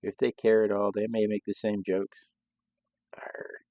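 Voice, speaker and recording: A man's voice: lowish voice, flat delivery, fairly quick, no echo. A man hosting a live sketching stream, talking casually while he draws, in a loose, rambling way with frequent restarts. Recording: dull, lo-fi sound.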